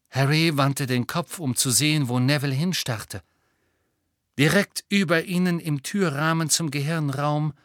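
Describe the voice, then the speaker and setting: A man's voice: fairly high pitch, fairly bright tone, no echo, clean studio sound. A man narrating an audiobook in a dramatic storytelling manner.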